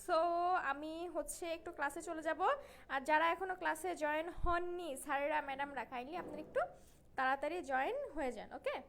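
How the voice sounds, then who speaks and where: High-voiced woman Bangla teacher from Bangladesh. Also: steady tone, fairly quick, vocal fry, fairly bright tone, slight background noise. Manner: explanatory, checks in with tag questions. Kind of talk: online class lecture.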